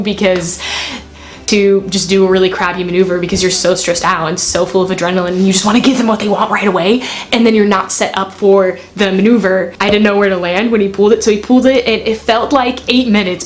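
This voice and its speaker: Casting: woman, twenties, mid-pitched, candid and self-deprecating, casual chatty storytelling to camera. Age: 20s. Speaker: student pilot vlogger. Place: bedroom, indoors.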